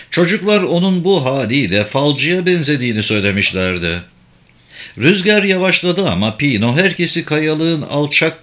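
A man narrating an audiobook in an animated, expressive way. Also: lowish voice. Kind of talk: scripted narration.

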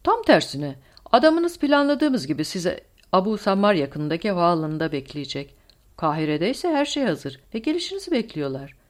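A woman's voice: on the low side, sing-song, moderate pace. A woman voicing a smug, scheming male general who talks persuasively. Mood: pleased.

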